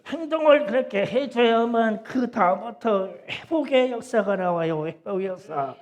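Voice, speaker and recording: A middle-aged man preaching a Sunday sermon in a church, his voice pitched high with a gravelly, creaky grain. He tells his story in a folksy, chatty way. He drops into soft asides and then presses his points home with loud, emphatic insistence. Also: expressive, normal speed. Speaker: pastor. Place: church sanctuary.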